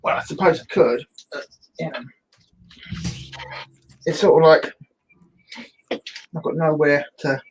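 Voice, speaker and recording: A man's voice: fairly high pitch, fairly even intonation, slow, long pauses, low-quality recording. A man chatting casually on a live stream from home, his voice boxy as if inside a box, easygoing and self-deprecating. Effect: boxy sound, as if inside a box. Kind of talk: casual chat. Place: room at home. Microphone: home microphone, badly placed.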